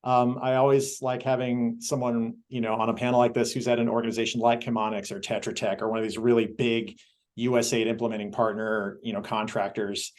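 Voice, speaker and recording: A man with a mid-pitched voice moderates a panel. His delivery is informal and rambling, with lots of filler phrases as he introduces and questions the speakers. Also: level tone, brisk, darkish tone. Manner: informal, rambling, frequent "you know". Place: online video panel.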